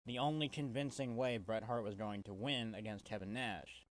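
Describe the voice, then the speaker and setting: A man's voice: fairly low pitch, fairly even intonation, normal speed. A man giving a casual, swear-heavy wrestling review, exasperated and full of restarts. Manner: profane, exasperated, stumbling restarts.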